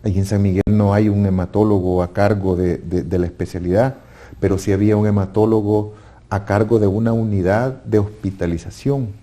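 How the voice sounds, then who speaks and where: A man's lowish, mellow voice moves briskly with fairly even intonation. Speaking with a Salvadoran Spanish accent, he earnestly tells of his personal faith, occasionally stumbling and restarting.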